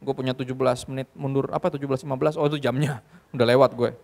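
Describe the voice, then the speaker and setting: A male youth pastor preaching to a live audience in a church hall, lively and joking, often switching into English. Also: mid-range voice, very fast, vocal fry. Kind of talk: sermon.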